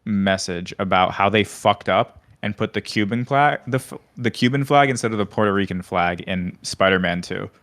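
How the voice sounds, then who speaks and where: A young man co-hosting a podcast, blunt and deadpan in casual banter. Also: lowish voice, moderate pace, hardly any pauses. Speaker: podcast co-host. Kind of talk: casual banter among friends.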